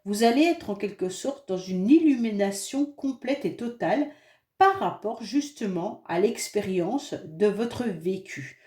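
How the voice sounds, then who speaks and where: A tarot card reader with a French accent and a head cold gives her chatty, reassuring monthly astrology card reading, full of fillers and hesitations. Her mid-range voice is mellow and animated at a measured pace, with a roomy sound.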